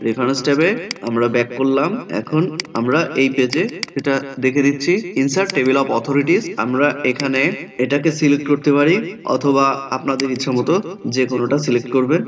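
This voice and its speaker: A man teaching a computer lesson, calmly narrating each click step by step. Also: medium pitch, fairly quick, a little hiss or hum. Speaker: software tutorial instructor. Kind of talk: screen-recorded software lesson. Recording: dull lo-fi mic from a distance.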